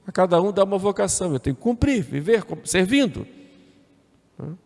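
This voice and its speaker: A priest preaches his homily in a fairly high, gravelly voice. He talks to the congregation conversationally, with tag questions and repeated phrases. The sound rings with the long reverb of a church. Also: sing-song, a little fast, darkish tone. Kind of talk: sermon.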